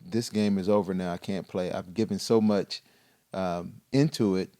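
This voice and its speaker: A man who used to play football, talking in a casual podcast discussion, halting with many fillers and restarts. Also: deep voice, steady tone, dark tone. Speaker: guest, former football player.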